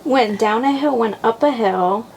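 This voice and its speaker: A young woman with a fairly high voice co-hosts a relaxed podcast. She chimes in with short, playful quips and adds to the stories in casual chat. Faint noise sits behind her voice. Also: a little slow, gravelly, recorded from a distance. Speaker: podcast co-host.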